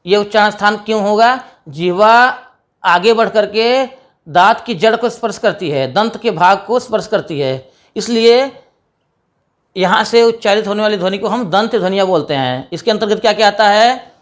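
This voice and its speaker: A woman teaching a grammar lesson as a voice-over for slides, with a voice of average pitch. She speaks with patience and sounds each letter out on its own. Then she poses a question and answers it herself, the way a teacher does with children. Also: moderate pace. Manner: patient, demonstrates sounds aloud one by one.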